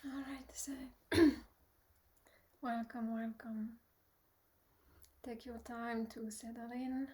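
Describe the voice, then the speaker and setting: A meditation teacher with a fairly high, mellow voice guides a meditation at a very slow pace. Her delivery is soft, gentle and flat, often trailing into breathiness, with long pauses and hesitations between instructions.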